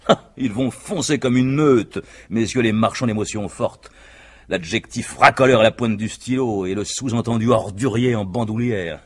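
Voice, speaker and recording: This male actor plays a self-assured, plotting husband from an old French radio whodunit, his husky voice pushing emphatic, persuasive lines. He speaks lowish and at a moderate pace, sounding eager and boastful.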